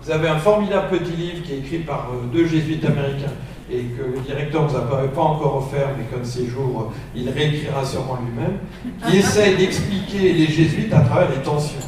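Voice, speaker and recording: French priest giving a talk, kinda high voice, animated and jokey. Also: male voice, a little fast, crowd noise. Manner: animated, playful, makes buzzing sound effects. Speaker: Jesuit priest giving a lecture. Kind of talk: lively conference talk. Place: school conference room.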